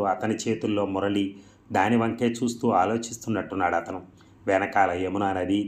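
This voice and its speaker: A man reading a story aloud in a measured, reflective way. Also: on the low side. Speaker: narrator. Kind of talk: storybook narration.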